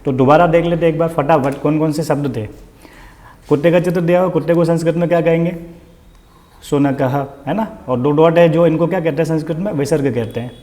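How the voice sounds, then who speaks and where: A man's voice: on the high side, fairly even intonation, fast, warm tone. A man teaching an online Sanskrit vocabulary lesson, patient and repetitive, who asks the listener questions and then answers them.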